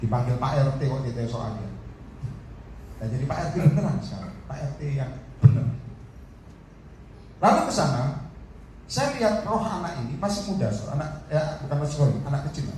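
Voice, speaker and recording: A man preaching a sermon as an evangelist, animated and repeatedly addressing the congregation directly. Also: mid-range voice, a little fast, pauses often. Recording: echoey hall from far off, faint noise.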